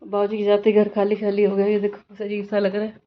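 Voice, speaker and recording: A woman's voice: mid-range voice, monotone, fast talker. A woman, chatting to viewers directly in a casual family vlog. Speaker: vlogger. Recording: slightly dull phone audio with faint noise.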